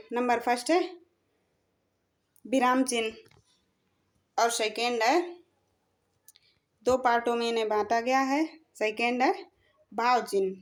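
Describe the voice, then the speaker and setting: This high-voiced Hindi grammar teacher takes her time, laying out the lesson in steps and restating each idea. Terms get mixed into her speech, and she checks on her students with frequent "theek hai"s.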